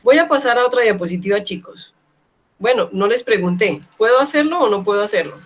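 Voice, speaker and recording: A woman teaching a university class over a video call. She repeats key terms slowly and keeps asking her students if they follow. The audio is slightly dull and muffled. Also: medium pitch, animated. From Colombia. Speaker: university lecturer. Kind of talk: online class lecture.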